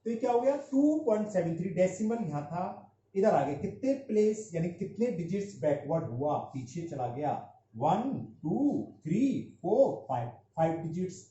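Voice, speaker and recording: Guy teaching maths step by step, kinda high but super mellow voice, echoey room, slight hiss. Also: expressive. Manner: explains step by step, mixing Hindi with English terms and drawing out key words slowly. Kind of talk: classroom-style math lesson. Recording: dull echoey room recording with faint background noise.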